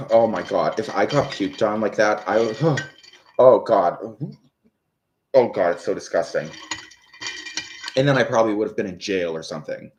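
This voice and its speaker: Speaking a little fast but with long pauses, a man in his thirties with a lowish voice does a live tarot reading over slight hiss or hum. He rambles and swears between viewers' questions, which he reads out, using many fillers and restarts.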